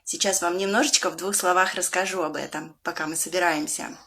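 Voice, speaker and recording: A woman with a Russian accent, an English teacher for young children, reading a picture book aloud with big leaps up in pitch and slow, drawn-out questions. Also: slightly rough. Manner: animated storyteller with big swoops up in pitch.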